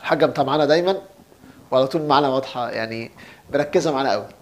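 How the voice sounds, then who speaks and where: A young man with an Egyptian Arabic accent teaching Italian in a casual lesson, repeating each word slowly and clearly for learners. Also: mid-range voice. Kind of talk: casual spoken language lesson.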